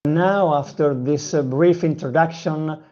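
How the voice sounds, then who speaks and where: A man with a fairly high, slightly mellow voice narrates a personal video about how he learned English, his second language. He's earnest but halting, with many fillers and restarts, and the audio has its highs cut off.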